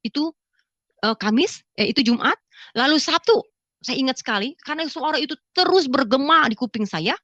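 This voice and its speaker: A woman giving a spoken religious testimony, acting out conversations with lively vocal shifts. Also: sits high, normal speed, no echo, lo-fi sound. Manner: animated storyteller who acts out dialogue in a raised voice. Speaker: testimony speaker.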